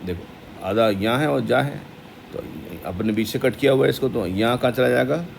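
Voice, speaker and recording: A man teaching the pronunciation of a Sanskrit hymn, explaining quickly and then reciting the verses slowly. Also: mid-range voice, vocal fry, slight background noise.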